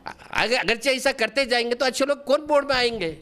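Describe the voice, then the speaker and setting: High-pitched earnest man. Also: fairly even intonation, fast, a bit bright. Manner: earnest, repeats himself, restarts often; defensive and pleading. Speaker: wakf board member being interviewed. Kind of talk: news interview answers.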